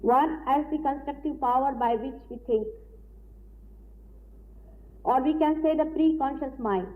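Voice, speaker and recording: A woman giving a deliberate, explanatory spiritual lecture, heard on an old tape recording. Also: high-pitched. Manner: deliberate, explanatory, with frequent pauses. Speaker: spiritual teacher. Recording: tinny old lecture tape with faint hiss.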